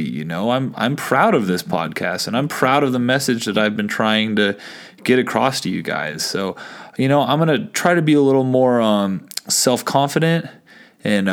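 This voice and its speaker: A young man hosting his own small podcast, talking casually and excitedly, rambling with restarts and asides to listeners. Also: lowish voice. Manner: rambling and excitable, many restarts and "you guys". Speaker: podcast host. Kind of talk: casual solo podcast talk.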